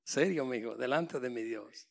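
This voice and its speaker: A man preaching a sermon with passion, swinging between loud proclaiming and hushed, intimate asides. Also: medium pitch, moderate pace, vocal fry.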